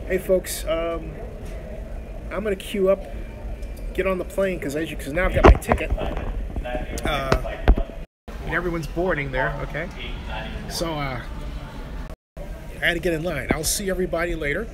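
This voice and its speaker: Male livestreamer, slightly high voice, casual rambling chat, very noisy airport gate. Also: moderate pace, pauses often. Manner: informal, rambling. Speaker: livestream host. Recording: loud airport terminal noise.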